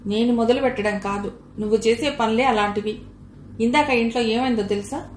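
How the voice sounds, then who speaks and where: A stern middle-aged mother, sharp and scolding, as a woman reads her. The voice is fairly high, with faint hiss in a roomy recording. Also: brisk, close to an everyday voice.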